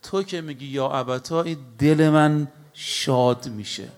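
A man preaching a sermon to a congregation. He tells stories and recites scripture, and he speaks emphatically, often addressing his listeners directly. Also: fairly high pitch. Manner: storytelling with recited Arabic scripture.

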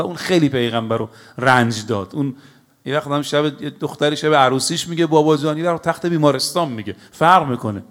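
A man preaching a sermon to a congregation. He tells stories and recites scripture, and he speaks emphatically, often addressing his listeners directly. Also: mid-range voice. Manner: storytelling with recited Arabic scripture.

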